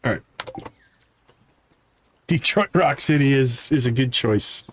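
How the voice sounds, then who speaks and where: A man hosts a live game stream with casual commentary, his mid-range voice slow against slight background noise. He thinks aloud, talking himself through each task step by step.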